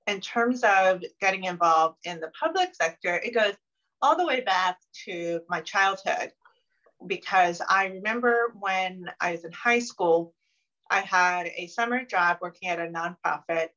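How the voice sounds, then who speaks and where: A woman with a lowish voice tells her story in an earnest, reflective way. The recording sounds dull and lo-fi, with the top end muffled. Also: a bit bright. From Maryland, United States. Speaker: interviewee, consultant. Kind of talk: conversational interview answers.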